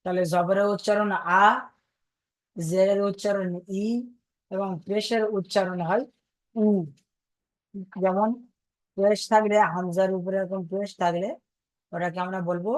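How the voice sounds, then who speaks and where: A man's voice: high-pitched, level tone, unhurried, long pauses, no echo. A man teaching Arabic letter reading in an online class, patiently repeating each point and quizzing his students over a video call.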